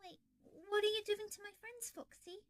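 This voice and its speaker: A woman's voice: very high voice, animated, normal speed, no echo, pitched above the performer's own voice. A woman voicing a cheerful small girl in a sweet, eager way.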